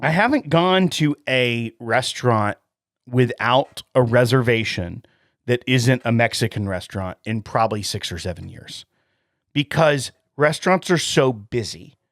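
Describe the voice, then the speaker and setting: A man's voice: medium pitch, expressive, measured pace, dry recording, studio quality. A man, co-hosting a podcast and telling long family stories with frequent laughs. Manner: chatty storyteller, laughs often. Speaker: podcast co-host. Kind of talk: casual chat.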